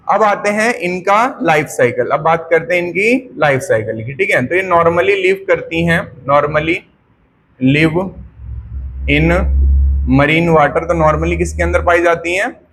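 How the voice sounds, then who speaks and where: A man's voice: high voice, fairly bright tone. A man teaching biology with a raised voice. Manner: drills students with repeated questions and answers; slows down to dictate notes. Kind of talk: classroom lecture. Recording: faint background noise.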